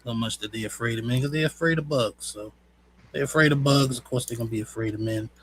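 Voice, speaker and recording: A man's voice: mid-range voice, quick pace, husky. A man on a stream panel, giving his view in a laid-back, conversational way. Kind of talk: casual online debate chat.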